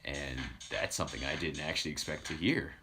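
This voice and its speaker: A livestream host with a rumbling low, creaky voice chats casually and fairly quickly, rambling through stories and talking to his viewers. Music plays in the background.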